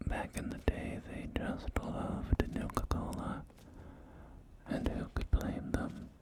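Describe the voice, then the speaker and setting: Over background music, a man whispers closely in an ASMR roleplay, lightly acting as a courteous, enthusiastic real estate agent in a post-apocalyptic world. He speaks slowly with genteel, hesitant sales patter, and the mood is soothing and admiring.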